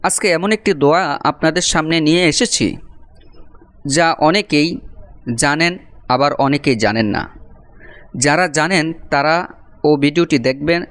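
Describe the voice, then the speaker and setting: A man teaching a prayer as a lesson, reciting Arabic phrases slowly and then explaining their meaning. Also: fairly high pitch, fairly bright tone, clean tone. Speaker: Quran teacher. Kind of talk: religious lesson, slow syllable-by-syllable recitation.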